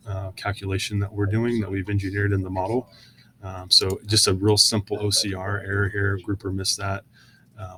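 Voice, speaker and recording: With a voice on the low side, a man gives an informal, conversational screen-share walkthrough of software. He often hesitates with fillers as he explains each step.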